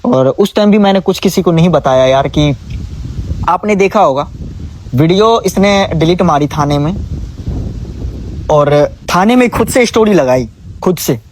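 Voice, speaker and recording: Aggrieved young man, slightly high voice. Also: lively intonation, normal speed, long pauses, a little mellow, a little hiss or hum. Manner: aggrieved, pleading and scolding. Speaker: vlogger. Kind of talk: emotional direct-to-camera vlog.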